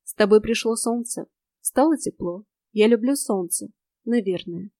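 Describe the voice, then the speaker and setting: A woman voicing a quiet, brooding young man who speaks tersely. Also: medium pitch, normal speed, no echo, clean studio sound, close to an everyday voice. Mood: subdued. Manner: terse, subdued.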